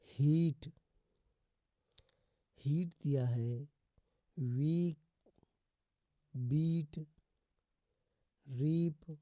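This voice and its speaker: This Hindi-language phonics lesson features a man whose warm, mid-range voice explains English pronunciation slowly and repetitively. He draws out example words and keeps addressing viewers as "friends," with no echo in the recording.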